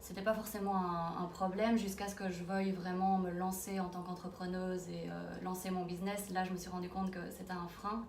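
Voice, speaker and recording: A woman interviewer talks quickly in a casual, conversational way. The sound is roomy, as if the mic is some distance from her. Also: fairly low pitch, level tone, vocal fry, darkish tone. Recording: roomy echo, distant mic, faint noise.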